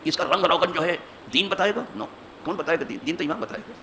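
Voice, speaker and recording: In an Urdu hadith sermon given while seated at a mosque pulpit, a male imam preaches with force in a slightly high voice. There is a little hiss or hum on the recording, and his emphatic delivery, full of rhetorical questions, mounts to forceful peaks.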